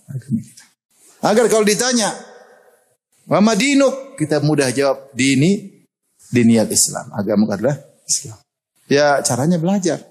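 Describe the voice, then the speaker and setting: A man giving a lively sermon, telling stories in an animated way and laughing often. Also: fairly high pitch, slightly rough. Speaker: preacher.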